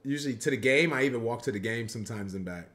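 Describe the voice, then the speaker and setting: A man's voice: mid-range voice, quick pace, a bit bright. A man in his twenties reacting to a video on a live stream, laid-back and chuckling as he talks to his chat on a headset in a home studio. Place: home studio room with shelves.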